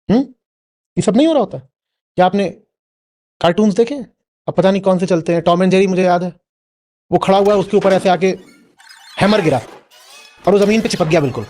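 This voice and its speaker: A man's voice: high-pitched, a little mellow. A man giving a spoken discourse to a live audience, often prodding the listener with questions. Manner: questioning, prods listener with "hmm?". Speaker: spiritual teacher answering an audience member.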